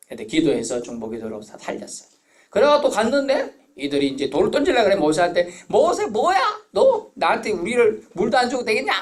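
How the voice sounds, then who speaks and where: A middle-aged man preaches a sermon as pastor in a medium-pitched, slightly mellow voice. He tells stories and anecdotes in a conversational way.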